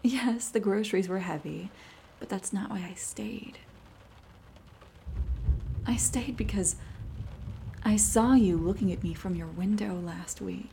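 Woman acting as seductive bossy neighbor, ASMR role-play right in your ear, mellow, creaky edges, breathy, coaxing, close mic. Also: mid-range voice, slight background noise. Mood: teasing, withholding. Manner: intimate soft-spoken right in your ear; slow, coaxing, breathy delivery. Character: seductive, teasing, dominant female neighbor.

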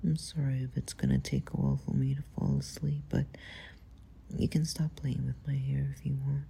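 A young woman murmurs close to the mic, slow and hesitant, slipping often into whispers. Her voice sits very low, with a heavy gravelly fry and a dark, mellow tone, as in an intimate ASMR roleplay. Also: big pitch swings, slight background noise.

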